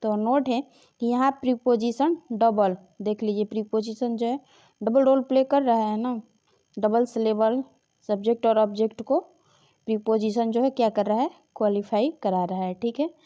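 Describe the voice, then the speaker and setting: A woman leads an exam-prep grammar lesson, explaining step by step and repeating the key points. Her voice sits a little high and sounds mellow. The recording is somewhat dull and lo-fi. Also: steady tone, moderate pace. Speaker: teacher.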